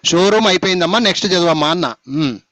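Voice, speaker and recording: Telugu-accented guy teaching phonics, fairly high voice, keeps quizzing and teasing the class, dry close sound. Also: expressive, quick pace, fairly bright tone, dry recording. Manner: scolding, teasing, asks students repeatedly. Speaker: spoken English teacher.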